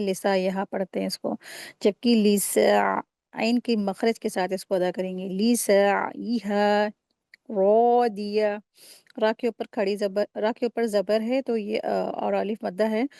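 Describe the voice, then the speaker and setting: Warm-voiced woman teaching Quran recitation. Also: mid-range voice, gravelly, dry recording, studio quality. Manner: explains each rule, then models the words slowly and drawn out; patient, repeats and corrects common mistakes. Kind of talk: tajweed lesson.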